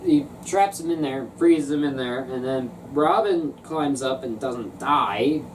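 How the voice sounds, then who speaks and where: Low-voiced sarcastic woman reviewing a film. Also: animated, a little slow. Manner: sarcastic, bursts into shrieking laughter. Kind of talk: casual comedic movie review. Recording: distant mic with noisy background.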